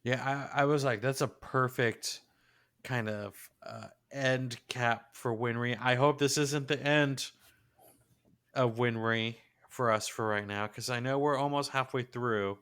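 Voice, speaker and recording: A man's voice: mid-range voice, steady tone, unhurried, a bit bright, clean tone. A man co-hosting a podcast, chatting casually and enthusiastically about an anime episode like a gushing fan. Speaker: podcast co-host.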